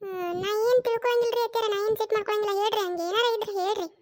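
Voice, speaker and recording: Insistent cartoon daughter-in-law, one performer's put-on voice: North Karnataka Kannada accent, very high, quick coaxing. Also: steady tone, very noisy. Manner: coaxing and insistent, repeats pleas. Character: pestering young daughter-in-law. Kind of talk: cartoon comedy skit.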